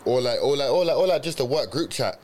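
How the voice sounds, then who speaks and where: A man's voice: mid-range voice, animated, fast, darkish tone, slight background noise. A young man, chatting casually, rambling and agreeing in slang. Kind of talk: casual podcast chat.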